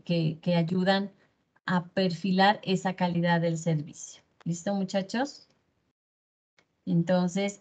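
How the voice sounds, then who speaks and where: A woman's voice: on the low side, darkish tone, muffled recording. A woman instructor giving an online class lecture over a video call, often checking in with her students through short tag questions.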